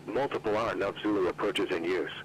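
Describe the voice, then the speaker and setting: A man reading an airport weather broadcast heard over a flight sim radio, reading numbers and runways in a flat, even way. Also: low voice, brisk, slight background noise, rough recording. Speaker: airport information announcer. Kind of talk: recorded automated airport information broadcast.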